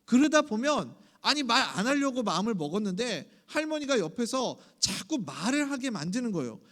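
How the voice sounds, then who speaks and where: A man with a high voice leads an early-morning sermon. He talks to his congregation as if chatting, asking them questions and playing out little exchanges of dialogue. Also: sing-song, moderate pace, a bit bright. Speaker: pastor.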